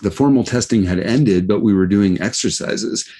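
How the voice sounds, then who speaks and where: A man hosting a casual interview, talking in a halting, reflective way with many restarts. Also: lowish voice, mellow. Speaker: podcast host.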